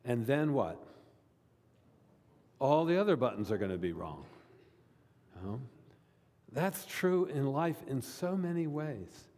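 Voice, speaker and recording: A man's voice: mid-range voice, big pitch swings, slow, long pauses, a little mellow, big-room sound. A man preaching a sermon as pastor, speaking earnestly and repeating key phrases for emphasis.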